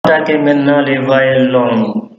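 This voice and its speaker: A man teaching a language lesson, drawing out each word for pronunciation drills. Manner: drawn-out, drilled pronunciation of words. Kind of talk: slow, deliberate language lesson. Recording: echoey room, dull low-fi sound.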